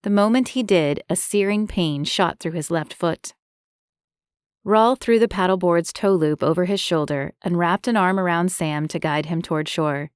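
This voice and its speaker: A woman narrating a romance audiobook in a steady, even storytelling manner. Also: lowish voice, normal speed, clean tone, dry recording, clean studio sound. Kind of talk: scripted narration.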